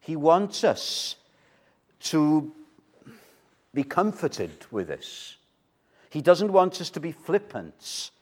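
Slow preacher at a pulpit microphone. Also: male voice, sing-song, breathy edge. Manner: earnest, swelling to loud emphasis then dropping low. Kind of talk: evening sermon.

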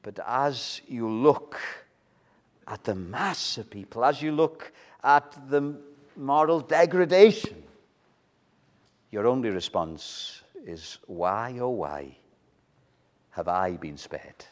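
Slow preacher at a pulpit microphone. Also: male voice, expressive. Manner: earnest, swelling to loud emphasis then dropping low. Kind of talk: evening sermon.

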